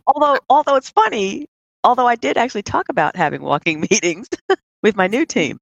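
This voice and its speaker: A woman co-hosting a casual podcast chat, an animated storyteller who acts out the voices of the people she quotes. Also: a little high, a little fast, creaky, no echo, highs cut off. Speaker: co-host, physician.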